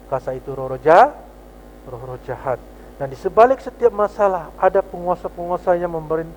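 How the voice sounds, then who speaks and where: A man with a Sabah Malay accent preaching a sermon in church, animated, acting out little scenes and laughing often. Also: high-pitched, a little hiss or hum, poor audio.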